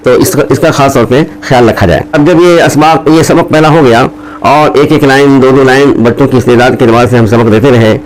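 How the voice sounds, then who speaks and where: A man teaching how to pronounce Arabic letters, drawing out each letter slowly between explanations. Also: medium pitch, a little hiss or hum, rough recording. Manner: slow, drawn-out letter recitation between explanations. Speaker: Quran teacher. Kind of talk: recorded teaching lesson.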